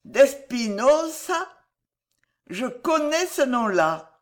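A reader voicing a grown man driven mad, childlike and terrified, in an audiobook, with high, loud, frantic outbursts. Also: sing-song, very slow, exaggerated voice. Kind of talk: audiobook reading.

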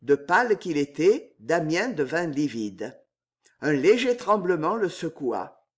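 A man narrating a novel aloud in a measured, expressive reading. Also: on the high side. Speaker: audiobook narrator.

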